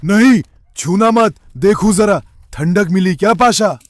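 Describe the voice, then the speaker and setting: A man's voice: high voice, measured pace, no echo. A young man casually talking on a vlog, coaxing and calling to his dogs. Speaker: vlogger with dogs.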